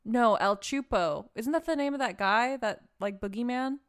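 A woman's voice: a little high, moderate pace, dry recording, clean studio sound. A woman co-hosting a podcast in casual, informal chat, reacting and peppering her talk with "like". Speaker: podcast co-host.

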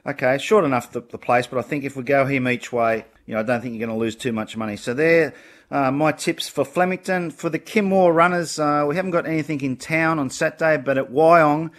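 A man's voice: a little high, brisk, fairly bright tone. Confident Australian man giving racing tips. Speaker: horse racing tipster. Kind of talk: casual racing tips on a panel show.

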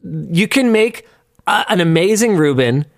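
A man co-hosting a casual talk show, blunt and animated, swearing freely. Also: sits high, unhurried, no room sound, clean studio sound. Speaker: podcast co-host. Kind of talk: casual chat.

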